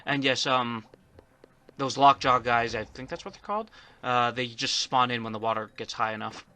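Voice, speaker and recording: A man's voice: medium pitch, level tone, moderate pace, sharp tone. A man giving casual let's play commentary, rambling and often stuttering on the first syllables of words.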